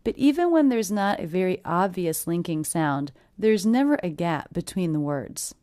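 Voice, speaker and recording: A woman teaching English pronunciation, clearly and deliberately repeating short phrases. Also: on the low side, lively intonation, warm tone, dry recording, studio quality. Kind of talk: pronunciation lesson.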